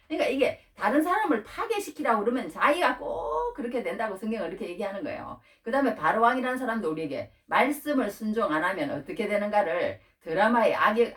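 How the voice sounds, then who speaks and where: Lively woman preaching in an echoey hall. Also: medium pitch, fast, few pauses, far from the mic. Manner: animated, rhetorical questions, acts out quoted prayers. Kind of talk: Bible teaching sermon. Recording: echoey room, voice from off-mic.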